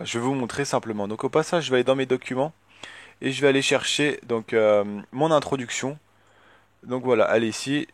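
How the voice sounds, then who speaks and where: A man talking casually through a software tutorial at his computer, hesitant and full of filler words as he thinks aloud. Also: mid-range voice, dry recording. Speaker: tutorial youtuber.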